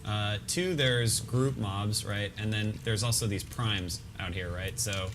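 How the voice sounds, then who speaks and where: A man's voice: lowish voice, unhurried, noisy background. A man, a game producer, casually talking through gameplay in a laid-back, enthusiastic way.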